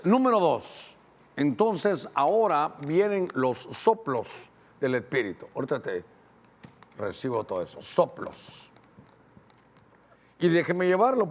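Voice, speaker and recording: Middle-aged Guatemalan-born pastor, man, higher-pitched, teaching sermon, measured scripture reading, quick asides to the tech crew. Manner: teaching, directing helpers to show verses on screen; slows down to read scripture, speeds up in asides.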